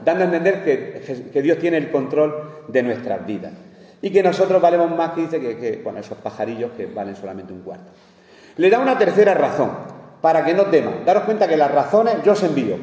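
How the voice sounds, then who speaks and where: A man's voice: a little high, mellow, recorded from a distance. A man from Spain preaching a sermon in a church, in a conversational way, joking with the congregation and chuckling often. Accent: Spanish from Spain. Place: church hall. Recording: echoey hall, voice from afar.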